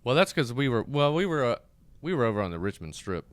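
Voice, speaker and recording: A middle-aged man in casual podcast chat, telling stories with animated quoted voices. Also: mid-range voice, fast, clean tone, no echo. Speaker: podcast co-host.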